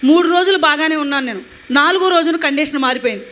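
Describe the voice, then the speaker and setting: A woman telling her testimony at a rapid clip, her voice high and bright. She retells events emotionally and acts out what others said. Faint noise sits under her voice. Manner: emotional, animated retelling with acted quotes. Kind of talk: personal testimony storytelling.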